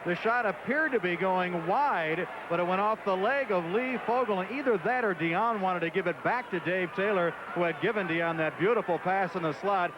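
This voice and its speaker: A man's voice: sits high, normal speed, noisy background. A man giving hockey commentary, recapping the plays and statistics. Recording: muffled vintage broadcast with loud music.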